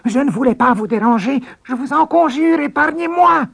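A man's voice: high-pitched, animated, a little slow, creaky, darkish tone, husky, voice pushed up, full character voice. A man voicing a poor, frightened fisherman who stammers and begs for mercy. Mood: pleading. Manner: stammering, begging.

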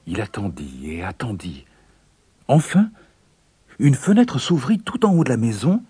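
A man reading a children's fairy tale aloud in an expressive, dramatic way. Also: medium pitch, breathy edge, dry recording. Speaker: narrator. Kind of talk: storybook narration.

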